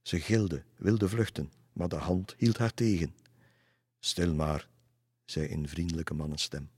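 Low, husky man reading a spooky tale. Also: normal speed, no echo, clean studio sound. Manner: expressive, suspenseful reading. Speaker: narrator. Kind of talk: storybook narration.

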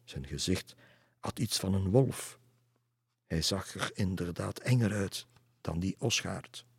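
A man with a very low, husky voice reads a children's fairy tale aloud. He builds suspense in his delivery, sometimes dropping almost to a whisper. The recording is close and dry. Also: slow, no echo. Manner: expressive, suspenseful reading. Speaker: narrator. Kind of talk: storybook narration.

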